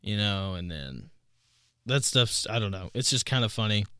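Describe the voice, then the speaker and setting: A man's voice: lowish voice, lively intonation, moderate pace, pushed and bright, clear, resonant tone, no room sound, clean studio sound. A man in his twenties hosting a casual solo podcast, amused and often laughing at his own stories. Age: 20s. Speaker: podcast host.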